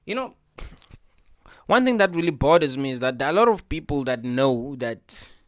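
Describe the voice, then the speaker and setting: In this casual opinion monologue for a reaction video, the male host sounds very animated at a medium pitch and normal speed. He's earnest and preachy, circling back to the same points with lots of filler words, and the sound is dry, clean studio audio.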